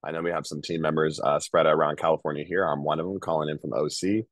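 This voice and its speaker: Brief: male webinar host, nasal from a cold, upbeat chatter, deep voice, video call audio. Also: level tone, fast talker, no room sound. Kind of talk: webinar hosting. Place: home, calling in.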